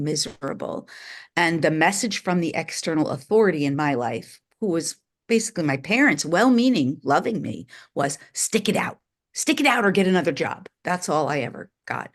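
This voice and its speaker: Low-voiced woman telling her story. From New York. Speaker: guest, spiritual teacher. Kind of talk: personal storytelling in an interview.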